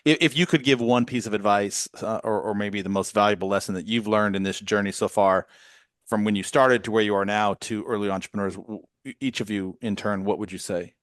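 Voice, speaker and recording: A man's voice: lowish voice, fairly even intonation, brisk, no echo, clean studio sound. A man hosting a podcast over a video call, affirming his guests and asking questions with frequent fillers. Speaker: podcast host. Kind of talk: interview hosting.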